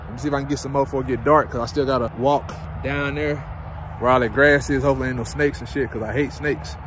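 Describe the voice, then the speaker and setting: A man, chatting casually in a vlog, relaxed and rambling, cussing freely. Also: medium pitch, fast. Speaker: vlogger. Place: in a parked car, then outdoors by a lake. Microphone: phone held at arm's length. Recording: noisy outdoor phone recording.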